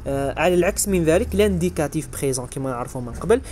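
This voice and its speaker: Fast-talking Algerian man teaching French. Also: on the high side, animated, a little mellow, slight background noise. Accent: Algerian Arabic. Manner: explains step by step, spells out verb endings letter by letter. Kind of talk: exam revision lesson.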